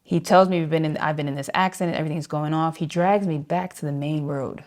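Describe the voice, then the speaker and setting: A woman's voice: low-pitched, steady tone, fast talker, a little mellow. A woman saxophonist being interviewed, telling a story vividly and acting out the voices of people she quotes. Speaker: jazz saxophonist guest.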